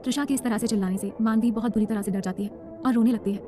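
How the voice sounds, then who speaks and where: A woman's voice: fairly high pitch, fairly even intonation, very fast, warm tone, soft background music. A woman narrating a serialized romance story in a scripted storytelling style.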